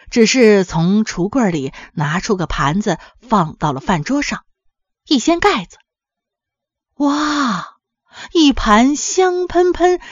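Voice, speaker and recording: A woman tells a folk story with a lively, swooping pitch and an expressive, sing-song delivery. Her voice is close and dry, and the recording sounds a little dull and muffled. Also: no echo. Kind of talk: storybook narration.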